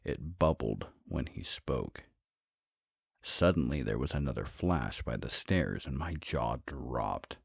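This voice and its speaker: Brief: very low, gravelly male narrator for horror tales, dry and slightly lo-fi. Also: animated, no echo. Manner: measured, dramatic. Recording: dull, dry, lo-fi.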